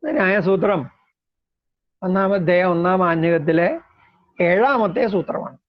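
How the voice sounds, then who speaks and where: A man lecturing on philosophy in a slow, measured way, explaining terms step by step. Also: sits high. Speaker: lecturer on Indian logic. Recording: dull lo-fi recording.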